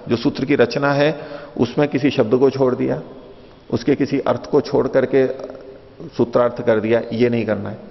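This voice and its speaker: A man's voice: medium pitch, gravelly. A man teaching philosophy in a patient lecture, repeating and rephrasing his points and asking the listeners questions. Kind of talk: explanatory lecture with stories. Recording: dull lo-fi recording in a reverberant hall.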